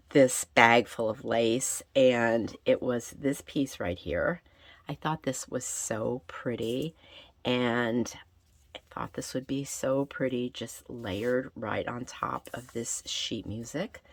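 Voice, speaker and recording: Female craft host, deep gravelly whiskey rasp from recent illness, informal and chatty, thinking aloud while she works. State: getting over a recent illness. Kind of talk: casual craft tutorial chat.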